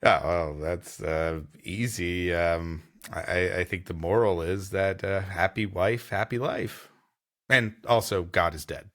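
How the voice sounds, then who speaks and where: Co-hosting a podcast, a man with a low, fairly bright voice narrates a vintage sci-fi story wryly and dramatically, a little slowly. He laughs easily and trades jokes with his co-host.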